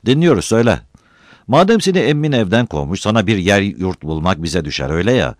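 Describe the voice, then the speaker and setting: A man's voice: lowish voice, sing-song, fast talker, no echo, clean studio sound, voice pushed up. A man voicing a self-important village headman who talks down and gives orders. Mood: bossy. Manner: bossy, patronizing.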